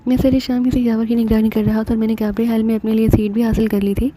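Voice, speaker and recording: A woman voices a calm male agent making a report in a storybook reading. He is matter-of-fact, with a fairly high voice and a very mellow, dark tone. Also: quick pace, a little hiss or hum, close to an everyday voice, poor audio.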